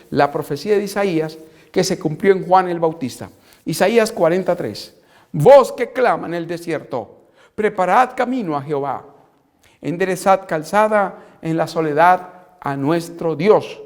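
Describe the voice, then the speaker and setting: A man giving a Bible apologetics lecture as instructor, reading verses aloud and spelling out key terms slowly and deliberately. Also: sits high, darkish tone.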